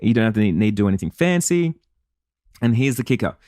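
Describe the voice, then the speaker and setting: A man's voice: lowish voice, expressive, fast, mellow, no echo, clean studio sound. A man hosting a solo podcast as a business coach, talking in a punchy, emphatic, casual way with some swearing. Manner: acts out listeners' and clients' voices.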